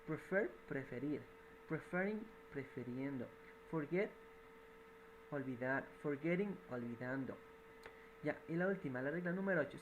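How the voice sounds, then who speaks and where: A man's voice: fairly high pitch, slight background noise, poor audio. Patient man teaching grammar rules. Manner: patient, repeats and translates each example. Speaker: English teacher.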